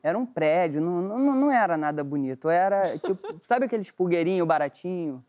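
Man, young adult, casual comic storytelling, slangy, swearing, acted-out dialogue, dark mellow voice. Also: high voice, expressive, fairly quick. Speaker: audience member telling a story. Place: TV studio with audience.

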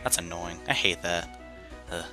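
Low-voiced and measured in pace, this young man offers casual let's play commentary while gaming. He's chatty and self-deprecating, rambles with plenty of fillers, and game music plays behind him.

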